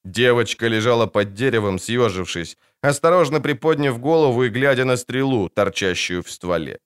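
A man narrating an audiobook with vivid, dramatic delivery. His voice sits at a middle pitch and moves through a wide, expressive melody. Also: normal speed, clear, resonant tone.

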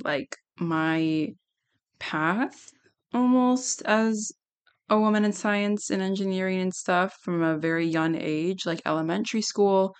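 A young adult woman hosting a casual solo podcast, giggly and rambling, with a slightly hoarse, worn-out voice. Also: on the low side, fairly bright tone. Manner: giggly, rambling, self-deprecating. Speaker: podcast host.

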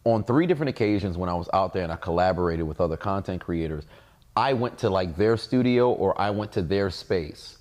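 Man, lowish pitch, casual conversation, podcast co-host. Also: animated, a little fast, darkish tone. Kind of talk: casual chat.

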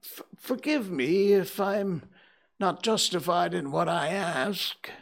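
A man voicing an anxious, timid old miser, raising his voice and speaking in halting, drawn-out phrases. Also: high voice, creaky, voice pushed up, heavily acted. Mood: hesitant.

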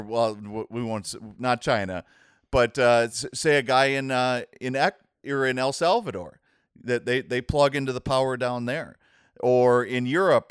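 Male interview guest, smooth voice, mid pitch, explains in stop-start bursts with frequent "right?" tags. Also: no room sound, clean studio sound. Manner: halting, many restarts and "right?" checks. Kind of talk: casual explanatory interview talk.

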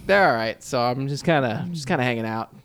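A man's voice: mid-range voice, animated, brisk, fairly bright tone, slight background noise. A man voicing an easygoing male cleric who dodges awkward questions. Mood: evasive. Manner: evasive and laid-back.

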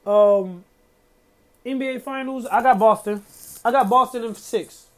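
A man's voice: extremely high pitch, measured pace. A man hosting a casual solo podcast, ranting in a heated, profane way with lots of slang and fillers. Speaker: podcast host.

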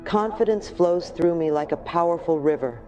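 A woman giving scripted, gentle affirmation narration, addressing the listener affectionately. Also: lowish voice, normal speed, highs cut off, faint music behind.

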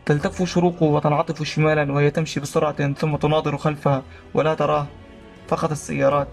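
Rapid, flat-voiced male storyteller. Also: fairly high pitch. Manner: rapid, even reading. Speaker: narrator. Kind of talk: scripted story narration.

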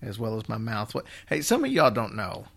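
A man's voice: lowish voice, wildly swooping pitch, fairly quick, vocal fry, fairly bright tone, slightly rough. A man hosting a casual storytelling show, wry and joking, with a slight slur and the odd whistle or lip smack from a half-numb mouth. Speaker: podcast host.

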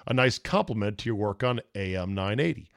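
A man in his fifties who hosts a podcast and sports radio rambles casually through a solo episode, reading listener emails aloud. His lowish, gravelly voice moves with lively intonation at a fairly quick clip, and the studio-quality audio has no room sound.

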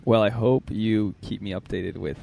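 A man with a smoky, raspy voice hosting a casual interview, rambling and joking at his own expense, recorded outdoors in a park. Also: lowish voice, moderate pace, warm tone, slight background noise, rough recording. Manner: rambling, self-deprecating, jokey. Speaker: podcast host.

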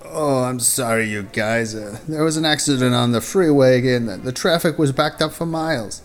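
A man's voice: mid-range voice, moderate pace, voice pushed up, close to an everyday voice. A man voicing a weary, hungover male ballplayer who stammers apologies. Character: tired hungover male baseball pitcher.

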